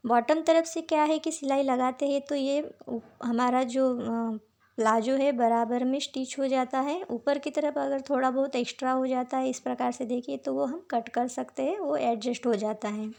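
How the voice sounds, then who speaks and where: High, gravelly woman teaching sewing. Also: steady tone, moderate pace, darkish tone. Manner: patient, repeats "dekhiye" while showing each step. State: sore throat. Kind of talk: step-by-step stitching tutorial.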